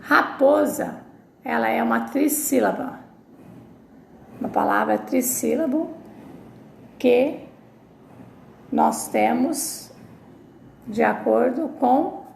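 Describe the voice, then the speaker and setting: Slow, gravelly-voiced woman teaching. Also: fairly high pitch, a little mellow, a little hiss or hum. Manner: slow, deliberate syllable-by-syllable explanation. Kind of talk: recorded video lesson for children. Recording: echoey room sound.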